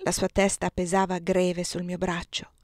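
A woman reading a novel aloud in a measured, expressive narration. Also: lowish voice, no room sound, clean studio sound. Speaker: audiobook reader.

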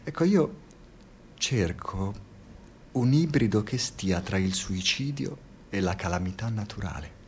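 A lowish, very animated male voice, carrying a little hiss or hum, performs a radio-drama monologue as a precarious Italian expatriate, bitter, sardonic and neurotic. Speaking with an Italian accent, he rambles haltingly from one digression to the next, swearing and lurching between mutters and exclamations.

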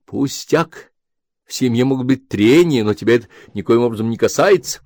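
A man reading the part of a calm, lecturing detective in an audiobook. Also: mid-range voice, no echo, clean studio sound, natural voice. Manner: measured, lecturing. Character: calm, didactic older male detective.

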